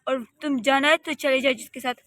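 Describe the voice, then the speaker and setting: A woman's voice: high voice, fairly even intonation, fairly quick, fairly bright tone, dry recording, studio quality. A woman voicing a stern young husband and father in a cartoon story, speaking firmly and in command. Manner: firm, commanding.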